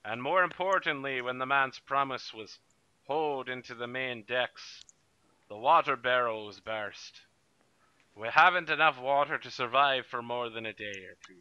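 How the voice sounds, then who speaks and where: Man acting a pompous young pirate captain, forceful. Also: medium pitch, a little slow, clear, resonant tone, dry recording, dull audio, pitched above the performer's own voice. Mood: imposing. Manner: pompous, trying to sound imposing. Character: self-important young male pirate captain in his twenties.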